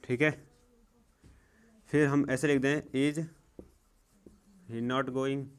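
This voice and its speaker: A young man teaching English grammar in a slow, repetitive way, checking in often. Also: mid-range voice, level tone, clear, resonant tone. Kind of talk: classroom-style grammar lesson.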